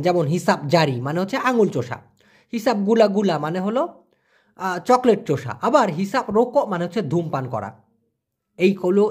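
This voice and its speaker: Speaking in a high voice with a breathy edge, a man who teaches languages runs a relaxed vocabulary lesson. Each word gets said twice and unpacked through everyday examples, all in a chatty, colloquial manner.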